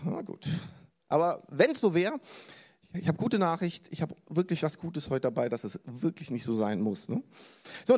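Male pastor, casual sermon, storytelling, high voice, church service. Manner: casual, storytelling, asks the congregation questions.

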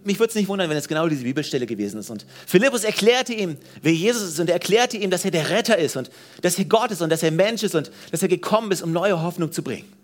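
A man preaches a sermon in church. His voice sits high for a man, and his delivery is lively and emphatic. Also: quick pace. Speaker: pastor. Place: church service.

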